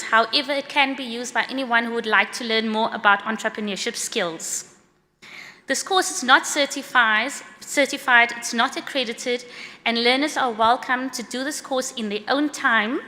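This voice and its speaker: South african woman presenting at a conference, bright fairly high voice, quick earnest delivery, big hall echo. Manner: brisk, earnest, slightly read-out delivery. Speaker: course creator presenting at a conference. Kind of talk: prepared conference talk. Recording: long hall reverb.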